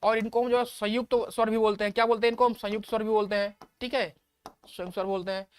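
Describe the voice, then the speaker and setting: A woman's voice: a little high, fairly even intonation, very fast, clean tone. A woman teaching a live online grammar lesson. She repeats key terms and keeps asking the viewers questions, and she also reads out and answers their questions.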